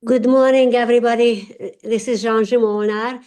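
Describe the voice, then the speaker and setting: Woman, English speaker, warm mellow tone, polite careful intro. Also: on the high side, fairly even intonation, normal speed. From Hungary. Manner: polite and careful, slightly unusual phrasing. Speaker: meeting participant. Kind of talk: self-introduction in a group discussion.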